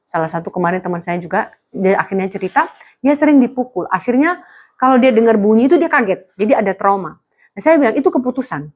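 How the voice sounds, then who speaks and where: A woman pastor preaching to students, lively, with jokes and small acted dialogues. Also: on the high side, quick pace. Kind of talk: sermon to students.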